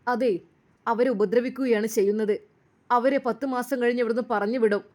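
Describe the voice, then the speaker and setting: A woman's voice: a little high, steady tone, moderate pace, darkish tone, lightly acted. A woman voicing an earnest young man who protests to his mother about a wrong done. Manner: earnest, pleading.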